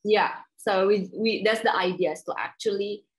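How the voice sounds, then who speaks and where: A woman's voice: mid-range voice, normal speed, rough recording. A middle-aged woman, a guest entrepreneur explaining her businesses in a casual interview over a video call, listing things with many fillers. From Indonesia. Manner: explanatory, with frequent fillers and lists. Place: home room.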